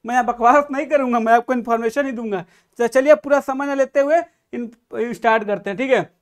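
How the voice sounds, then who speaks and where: A man's voice: very high voice, a little fast. A man giving admission guidance as a video lesson, explaining in a direct way at a board and checking in with his listeners often. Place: room with a whiteboard.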